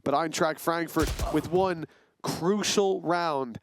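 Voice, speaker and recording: A man working as an esports caster, calling the match live in an excitable, dramatic play-by-play style. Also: on the high side, slow pace, slight background noise.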